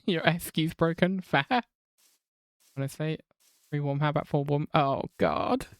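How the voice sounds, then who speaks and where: A man with a non-rhotic English accent and a somewhat high voice chats with his viewers during a live game stream. He is wry and self-mocking and laughs easily. He is recorded on a close mic with a very dry sound. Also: fairly even intonation, measured pace, clean tone, no echo. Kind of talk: casual live-stream chat while gaming.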